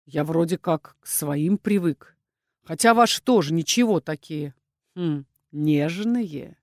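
A woman voicing a sardonic male dragon inquisitor who speaks in a slow, low, mocking drawl. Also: lively intonation, darkish tone, dry recording, clean studio sound. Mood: sarcastic.

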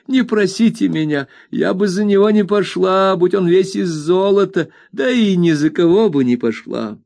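Guy doing a high squeaky loyal old maidservant, slow and loud, storybook reading. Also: expressive, creaky. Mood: indignant. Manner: emphatic, exclaiming, slow drawn-out lines. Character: loyal excitable middle-aged woman servant. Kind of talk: audiobook character reading.

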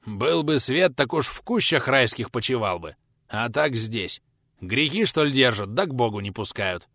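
A man voicing a weary, hoarse older teacher. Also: medium pitch, expressive, normal speed, pushed and bright, dry recording, clean studio sound. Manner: hoarse, breathy, lecturing. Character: older male teacher, patient, seasick and weary. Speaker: retired teacher. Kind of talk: audiobook character voice.

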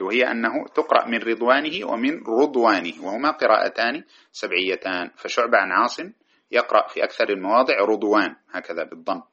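A man's voice: medium pitch, bright, forceful tone, breathy edge. A man teaching a classical grammar text as a lecture, explaining it line by line, chanting the verses he cites and correcting himself as he goes. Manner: explains verse by verse, chanting cited poetry lines; corrects himself mid-sentence. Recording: dull lo-fi recording.

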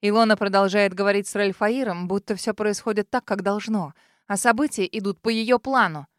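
A woman narrating a first-person fantasy audiobook in a dramatic, expressive way. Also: medium pitch, a little fast, dry recording, clean studio sound.

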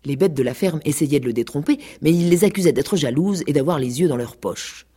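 A woman, an actress, reading a children's storybook aloud in an expressive, playful way. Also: low-pitched, a little fast, breathy edge. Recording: 1980s radio recording.

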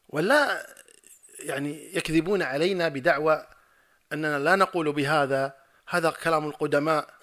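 A man giving a religious lecture and answering audience questions, who retells a debate as dialogue and builds to forceful, repeated points. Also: a little high. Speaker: Islamic scholar giving a lecture.

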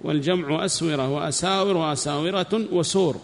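A man teaching a religious text, reading each phrase and then repeating it slowly with explanations. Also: a little high, slight background noise. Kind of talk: classical text lesson with commentary. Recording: long reverb.

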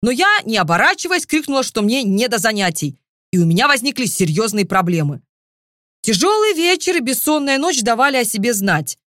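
A woman narrating a first-person fantasy audiobook in a lively, expressive storytelling manner, close to the mic. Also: on the high side, brisk, dry recording.

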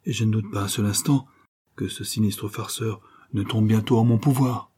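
A man's voice: lowish voice, fairly even intonation, moderate pace, warm tone, husky. A man voicing a boastful private detective who bluffs, speaking in a reassuring, self-assured manner. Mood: bluffing.

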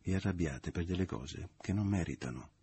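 A man's voice: low voice, normal speed, mellow, slightly rough, exaggerated voice. A man voicing a smug, falsely good-natured man at a family dinner, in a triumphant, self-satisfied tone.

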